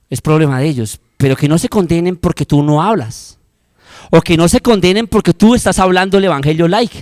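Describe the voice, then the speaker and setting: A Colombian man preaching with fervor, his voice sitting high for a man. He drops to near-whispers and then climbs to urgent, ringing appeals. The sound is close and dry, with no room around it. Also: no room sound. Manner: impassioned preaching, swinging from hushed to loud. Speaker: pastor. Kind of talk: sermon.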